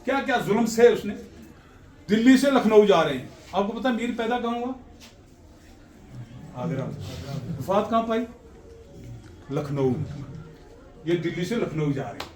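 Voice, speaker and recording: Animated man storytelling in an echoey room. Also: high voice, a little slow, pauses often, recorded from a distance, soft background music. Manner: animated, quotes elders softly, rhetorical questions. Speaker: speaker on poets and Sufis. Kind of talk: storytelling talk. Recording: echoey and set back from the mic.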